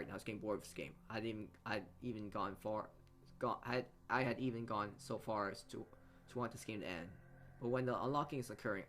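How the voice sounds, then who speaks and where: With game music behind him, a man with a fairly low pitch and fairly bright tone reads visual novel narration aloud as a let's play host. He makes side comments, stumbling over words and repeating phrases along the way.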